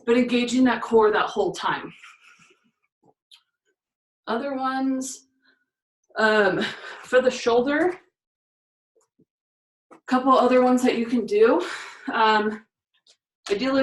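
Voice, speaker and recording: A woman's voice: a little high, unhurried, pauses often. A woman fitness instructor talking through shoulder and core exercises while doing them, a little out of breath. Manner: talks through each move while doing it, counting reps. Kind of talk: exercise demonstration. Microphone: camera mic from a distance. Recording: echoey room, voice far from the mic.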